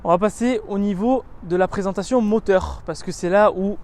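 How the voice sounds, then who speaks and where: A man presenting a car in a casual walkaround, chatty and descriptive, running through features with lots of "so" and "uh" and stressing what excites him. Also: high voice, normal speed. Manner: chatty and descriptive, listing features with many connecting "donc"s and "euh"s. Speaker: car reviewer.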